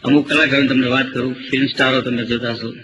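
Male comedian, stand-up storytelling, bright forceful tone, slightly dull recording. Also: mid-range voice, fast, a little hiss or hum. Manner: lively anecdotal delivery with acted quotes. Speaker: comedian and mimicry artist.

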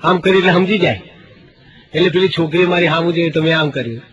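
A man's voice: on the high side, fast talker, fairly bright tone, slightly rough. A middle-aged man doing stand-up comedy, telling jokey anecdotes, acting out dialogue and reciting couplets. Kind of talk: Gujarati stand-up comedy storytelling. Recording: muffled radio recording.

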